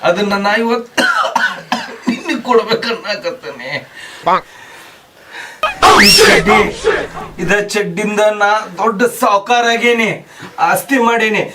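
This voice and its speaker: A man's voice: high-pitched, animated, noisy background. A man playing a dying old rich landlord who pleads and coughs, speaking in a North Karnataka accent. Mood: solemn. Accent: North Karnataka Kannada. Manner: pleading, drawn-out speech with coughs. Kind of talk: village comedy skit. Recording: distant mic, loud music underneath.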